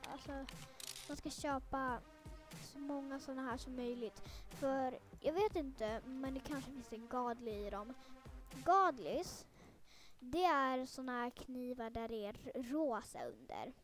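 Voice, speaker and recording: High-voiced girl, chatty gaming commentary. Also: over music. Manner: chatty and rambling, many fillers, turns excitable and panicky during play. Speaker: gaming video creator. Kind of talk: casual let's-play commentary.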